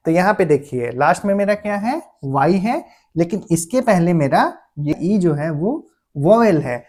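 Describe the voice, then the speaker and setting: A man teaching a grammar lesson. He explains patiently, often slows down to dictate words one at a time, and checks in with his listeners as he goes. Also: sits high, expressive, a little mellow. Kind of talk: classroom-style grammar lesson.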